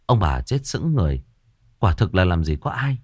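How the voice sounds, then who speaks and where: Low-voiced man telling a ghost story. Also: normal speed, husky, dry recording, studio quality. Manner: expressive storytelling.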